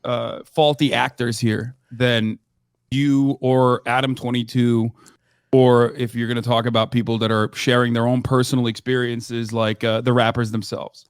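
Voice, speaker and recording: A man's voice: mid-range voice, little pitch movement, normal speed, clean tone, no room sound, studio quality. A man who grew up in Turkey, a commentator debating on a live stream, hesitant with many fillers and restarts, swearing now and then.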